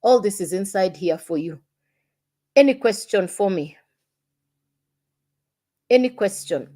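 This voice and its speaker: A woman's voice: medium pitch, animated, unhurried, dark tone. A woman selling an online business on a livestream, talking straight to viewers and repeating herself to coax them. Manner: repetitive, coaxing, addresses viewers directly. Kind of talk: casual livestream pitch.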